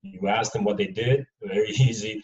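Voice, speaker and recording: A Serbian airline employee answers questions on a panel, speaking in a measured, hesitant manner full of fillers. His slightly low, somewhat mellow voice is captured by a distant mic in a reverberant room, so it sounds dull and muffled.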